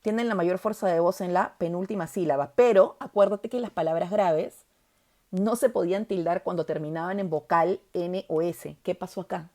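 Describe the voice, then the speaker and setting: A woman's voice: on the low side, normal speed, a little mellow. A woman teaching a grammar lesson, stressing key words and often checking in with the listener.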